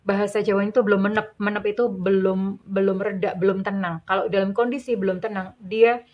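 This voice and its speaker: A woman giving a tarot reading, gentle and measured, calling the listener dear. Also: medium pitch, steady tone, lo-fi sound. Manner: slow, measured listing. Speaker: tarot reader.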